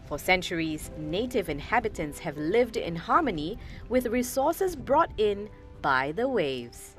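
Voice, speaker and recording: A woman's voice: medium pitch, a little slow, soft background music. A woman reporter giving polished scripted narration for a travel documentary. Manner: lively, polished.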